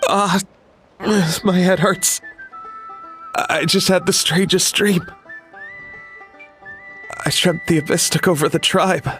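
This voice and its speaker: A man voicing a tormented young warrior in a game cutscene, with strained, halting, dramatic delivery. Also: high-pitched, steady tone, fairly bright tone, soft background music. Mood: dazed, confused. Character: battle-mad young male warrior, dazed and tormented.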